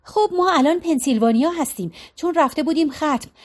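Audiobook: female narrator as worried middle-aged mother, hushed earnest delivery, high-ish register. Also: natural voice.

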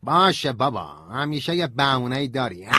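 A man playing a cheerful, crude, energetic young man in an audiobook, brash and slangy in his delivery. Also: medium pitch, slightly rough, dry recording, exaggerated voice. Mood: teasing. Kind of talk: audiobook character reading.

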